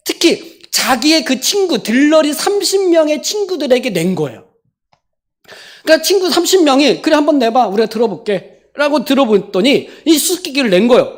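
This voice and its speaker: A woman's voice: high voice, a little mellow. A woman pastor giving a sermon, retelling a story in a conversational way with frequent questions to the congregation. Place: church sanctuary.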